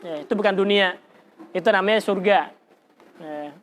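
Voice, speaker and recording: A man's voice: high-pitched, moderate pace, slight background noise. A man giving a religious study lecture in a casual, teasing way, often laughing and asking rhetorical questions. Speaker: Islamic teacher.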